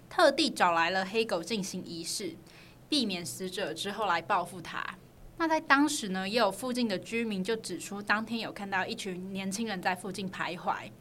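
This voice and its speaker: A woman's voice: medium pitch, a bit bright, a little hiss or hum. A woman with a Taiwanese Mandarin accent tells a true crime story as a podcast host, in a conversational narrator's style.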